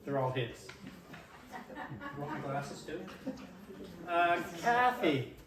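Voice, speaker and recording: A man casually introduces the next speaker at a local gathering, keeping it light and joking. His voice sounds far from the mic and echoes around the room. Steady background noise and clicks sit beneath it. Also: a little high, takes it slowly. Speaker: emcee introducing presenters. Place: community meeting room.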